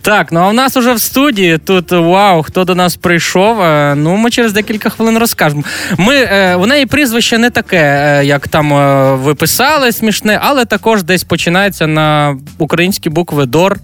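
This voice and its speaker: A man's voice: high-pitched, lively intonation, moderate pace, a bit bright, smooth. A young adult man hosting a radio morning show, chatting casually and joking with his co-hosts. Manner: joking, playful.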